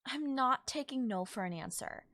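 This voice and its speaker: A female voice actor in a soft ASMR roleplay plays an affectionate girlfriend comforting her tired partner, gently insistent, tender and coaxing, with occasional breathy near-whispers. Her high voice is expressive at normal speed, and the close-mic recording is dry and clean, studio-like.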